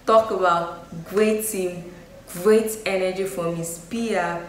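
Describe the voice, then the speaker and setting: A woman's voice: on the low side, steady tone, takes it slowly. A young woman giving her opinions in a casual vlog, talking loosely with lots of fillers. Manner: chatty, frequent "you know" and "um" fillers. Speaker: YouTube vlogger. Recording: echoey room with faint noise.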